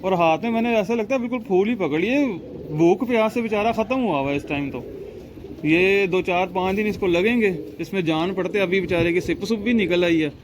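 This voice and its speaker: A chatty man talks excitably in a high voice, laughing at his own mishaps. He is recorded outdoors on a rooftop, close to a handheld phone. Loud outdoor noise and cooing pigeons sit under his voice. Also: fairly quick. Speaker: pigeon keeper vlogger. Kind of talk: casual rooftop vlog.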